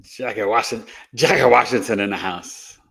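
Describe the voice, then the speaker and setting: A man hosting an astrology livestream, chatting casually and telling animated stories with frequent laughter. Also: lowish voice, moderate pace, vocal fry, husky. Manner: animated storyteller, laughs often.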